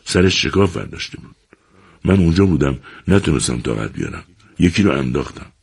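A man's voice: very deep voice, expressive, creaky, slightly rough, heavily acted. A man voicing a tense, defensive young farm man in an audiobook reading.

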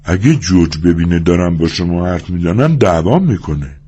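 A man reading a story aloud, voicing a big, simple-minded man who talks slowly and plaintively, like a frightened child. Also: sits low, expressive, dark tone, husky, dull audio. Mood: wary.

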